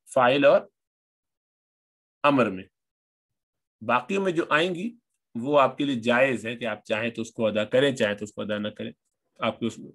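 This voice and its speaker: A man's voice: mid-range voice, fairly bright tone. A man teaching an Arabic grammar lesson, patiently repeating each word form as he explains it.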